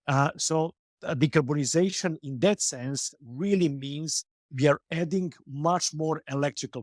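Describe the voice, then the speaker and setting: A middle-aged man from Serbia, answering interview questions in a measured way with frequent hesitations. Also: on the high side, dry recording, studio quality. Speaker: business executive guest.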